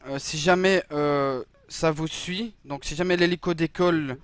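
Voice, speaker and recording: A man with a slightly high voice plays a hostage-taker in an online game. He negotiates off the cuff, keeping his delivery casual while staying firm about what he will give. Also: fairly even intonation, measured pace, clear, resonant tone. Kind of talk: improvised roleplay negotiation.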